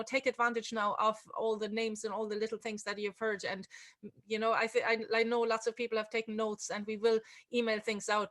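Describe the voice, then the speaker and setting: A woman's voice: on the high side, fairly bright tone. Chatty woman hosting a video call. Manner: chatty, many fillers and restarts. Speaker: webinar host and music tutor. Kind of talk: casual online webinar talk.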